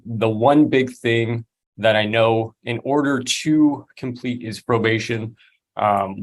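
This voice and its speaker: A man giving courtroom testimony as a probation officer over a video call, formal and deferential, with halting phrasing. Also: on the low side. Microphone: online video call.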